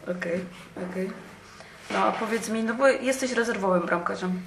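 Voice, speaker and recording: A woman's voice: mid-range voice, normal speed, vocal fry. A young woman hosting a casual interview outdoors, asking chatty, teasing questions with plenty of fillers. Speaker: podcast host interviewer. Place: outdoors by a river. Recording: roomy, distant sound with faint noise.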